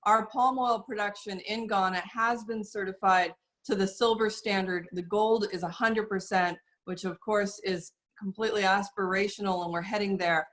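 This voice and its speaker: A woman speaking as an interview guest, explaining carefully and earnestly, with frequent pauses and fillers. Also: mid-range voice, steady tone, fairly bright tone. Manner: measured, earnest, many fillers. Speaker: guest, soap company representative. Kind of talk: casual interview talk.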